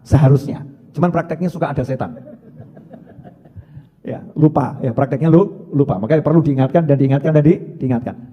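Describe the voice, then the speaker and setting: A man's voice: mid-range voice, breathy edge, big-room sound, dull audio. A man preaching a sermon in a conversational, joking way, often asking the congregation questions.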